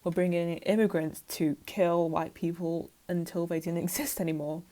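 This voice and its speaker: A woman's voice: on the low side, little pitch movement, normal speed, dark tone. A woman vlogger talking casually to camera in a rambling, self-mocking way, with many fillers. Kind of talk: casual monologue.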